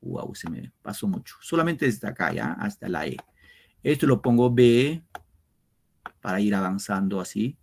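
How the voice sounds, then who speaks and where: A male teacher giving an online literature class, explaining slowly and step by step to his students. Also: on the low side, animated, darkish tone, slightly rough. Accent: Peruvian Spanish. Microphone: computer mic on a video lesson.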